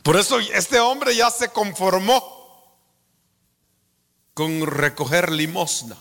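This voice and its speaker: Guatemalan male preacher, Guatemalan Spanish accent, slow and drawn-out, whispers to shouts, echoey hall. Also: high-pitched, vocal fry. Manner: dramatic swings from hushed whispers to fervent shouts. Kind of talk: sermon.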